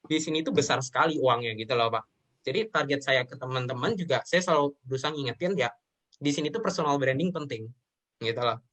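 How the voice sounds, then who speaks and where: Fast-talking earnest young man. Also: medium pitch, lively intonation, a bit bright. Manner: earnest, often addresses listener as sir. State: tearful at times. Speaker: guest. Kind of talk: emotional personal talk.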